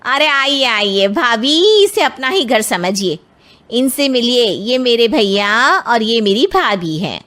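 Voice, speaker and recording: A woman voicing an eager, chatty matchmaking aunt in an animated family story, coaxing and effusive. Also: a little high, slow, full character voice. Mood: welcoming, effusive. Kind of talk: Hindi animated moral story acting.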